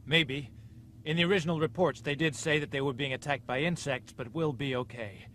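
A man playing a steady, reassuring young spaceship crewman in an anime dub. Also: a little high, a little fast, a little hiss or hum, natural voice. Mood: serious, reassuring. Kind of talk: English anime dub acting.

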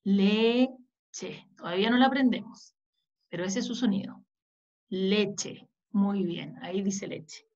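A woman's voice: medium pitch, a little slow, a little mellow, highs cut off. A woman teaching an early-reading lesson to young children, patiently sounding out letters and words and asking them to read along.

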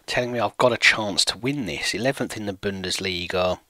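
A man's voice: fairly low pitch, brisk, sharp tone, no room sound. A man in his late thirties streaming a football management game, chatting casually and self-mockingly with viewers from a desk at home. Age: 30s. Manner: chatty, self-mocking, reads chat aloud. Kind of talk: casual chat with stream viewers while playing.

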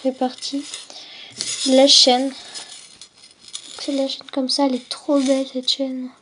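In a casual unboxing vlog, a young woman goes through a box of craft supplies one item at a time, hesitant, full of fillers and self-corrections, often fading to a near whisper. Her voice is high, completely flat, slow, and fairly bright, with a little hiss or hum in the audio.

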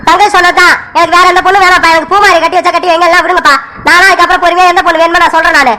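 A woman's voice: very high voice, level tone, racing, bright, forceful tone, rough recording. A woman voicing a young man who protests and pleads with his father. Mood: pleading. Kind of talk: cartoon voice acting.

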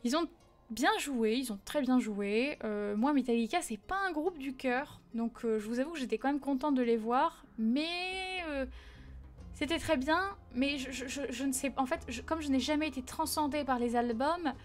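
High-voiced chatty woman streamer. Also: moderate pace, faint music behind. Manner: chatty, animated, frequent fillers and laughs. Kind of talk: casual live-stream chat reading viewer messages.

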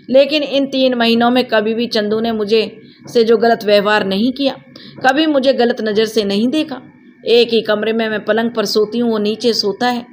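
A woman's voice: a little high, a little hiss or hum, natural voice. Woman as an earnest young village woman. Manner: earnest, confiding.

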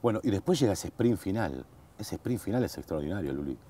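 A man in his forties with an Argentine Spanish accent hosts a casual conversational interview at a dining table on an outdoor garden patio. His voice is deep, dark-toned and slightly breathy, with a sing-song lilt, and he speaks a little fast.

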